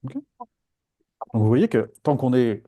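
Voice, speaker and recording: A man leading a live meditation talk in a playful, lively way, acting out inner voices. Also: medium pitch, takes it slowly. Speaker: meditation teacher.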